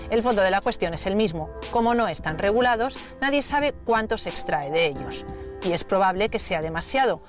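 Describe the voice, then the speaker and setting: Woman host, accent from Spain, scripted TV presenting, medium pitch, clear music underneath. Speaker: TV programme host. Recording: music behind the voice.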